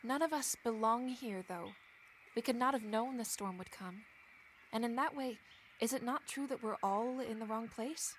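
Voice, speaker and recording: Actress as curious genteel young castaway lady, stagey period drama, slightly high pitch, light background ambience. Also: normal speed, a little hiss or hum, lightly acted. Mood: doubtful, reflective. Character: inquisitive, free-thinking young Regency lady castaway.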